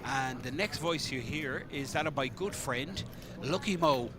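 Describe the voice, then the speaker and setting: Loud music and crowd chatter sit behind this live poker commentary from a man with an Irish accent. He speaks at a medium pitch and an unhurried pace, keeping things chatty with colloquial turns and hesitant asides.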